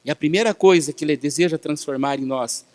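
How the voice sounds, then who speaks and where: A man's voice: fairly high pitch, fast talker, a little mellow. A Brazilian man preaching a sermon as a pastor, with rising emphasis and rhetorical questions to the congregation. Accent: Brazilian Portuguese. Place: church hall. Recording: church hall with long reverb.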